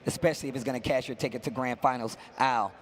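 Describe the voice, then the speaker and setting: An esports commentator calls a fighting game tournament, offering casual, slang-heavy analysis of the play. He talks fast, with a medium-pitched voice and fairly even intonation, while music plays behind him.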